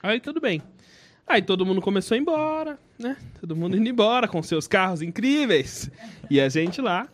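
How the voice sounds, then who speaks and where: Man, high-pitched, very lively, casual storytelling, frequent laughter. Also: brisk. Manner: animated, laughing often, acts out quoted voices. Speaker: podcast guest.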